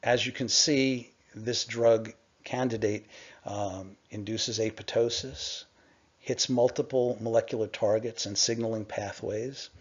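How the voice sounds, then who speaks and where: A middle-aged man on a conference call, presenting to investors in a measured, explanatory way with frequent "uh" pauses. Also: on the low side. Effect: conference call line. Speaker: company executive presenting to investors. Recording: dull lo-fi conference call audio.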